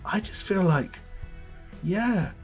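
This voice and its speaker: A man co-hosting a podcast, chatting casually about games, animated and laughing often as he talks. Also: high voice, slow pace, faint music behind. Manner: animated, laughs often, puts on voices to mimic others. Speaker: podcast co-host.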